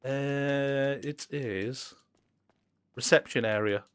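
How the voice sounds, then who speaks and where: A man's voice: mid-range voice, drawn-out words, clean tone, no room sound, clean studio sound. A young man playing along in a game stream, giggling, teasing and humming tunes. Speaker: co-player. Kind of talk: casual gameplay banter.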